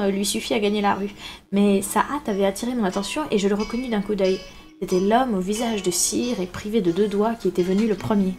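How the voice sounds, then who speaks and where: Woman, novel read aloud, steady storybook narration, occasional slips. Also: mid-range voice. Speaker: reader.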